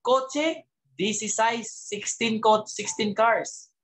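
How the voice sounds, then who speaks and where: A man speaking at a business team gathering, giving an animated motivational talk, mixing English words in and often asking the audience rhetorical questions. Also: sits high, takes it slowly.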